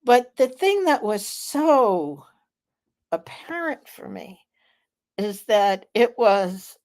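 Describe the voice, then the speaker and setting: Slow-talking woman in her seventies. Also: mid-range voice, very animated, darkish tone. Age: 70s. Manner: slow, chatty storytelling with frequent fillers and laughs. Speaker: vlog host. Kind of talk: casual live vlog chat.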